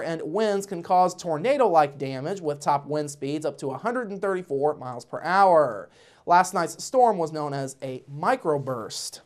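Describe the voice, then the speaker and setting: A woman's voice: lowish voice, a little mellow. A woman with an American accent reading scripted local news in a formal news anchor delivery.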